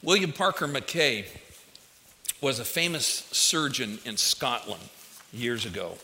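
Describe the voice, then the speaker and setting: Bright-voiced preacher man speaking with a retainer. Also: mid-range voice, sing-song, takes it slowly, slight background noise. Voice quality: speech slightly affected by a dental retainer. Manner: folksy, direct address to listeners with anecdotes. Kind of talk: conversational sermon. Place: large hall, speaking to a congregation. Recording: long hall reverberation.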